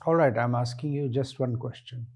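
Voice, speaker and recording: A man with an Indian accent questioning as an interview panellist in a deliberate, wry, correcting way. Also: mid-range voice, darkish tone.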